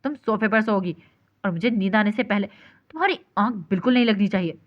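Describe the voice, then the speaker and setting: A woman voicing a short-tempered young husband who threatens and scolds gruffly. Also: high-pitched, a little fast, natural voice. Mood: angry scolding. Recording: dull lo-fi recording.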